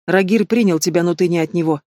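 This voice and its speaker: A man's voice: high voice, quick pace, darkish tone, dry recording, studio quality, close to an everyday voice. A man reading an audiobook voices a stern, cold noble mother who speaks curtly and gives orders. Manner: curt, commanding.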